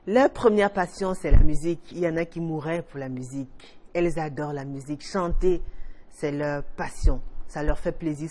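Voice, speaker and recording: A woman from Cameroon, hosting a studio talk show with expressive, emphatic delivery. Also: low voice. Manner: expressive, emphatic presenting with lively swings.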